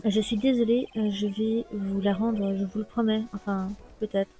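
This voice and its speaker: A woman's voice: medium pitch, level tone, moderate pace, soft background music, natural voice. A woman reading a timid stammering thief. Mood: timid, apologetic. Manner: hesitant, stammering, contradicts himself; soft-spoken, apologetic.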